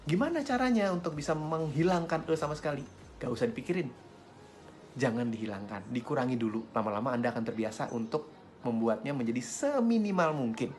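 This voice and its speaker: A man teaching public speaking in a friendly, lively way, swinging his pitch up and down to show intonation. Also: a little fast. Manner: friendly, chuckles between points. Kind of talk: instructional talk to camera.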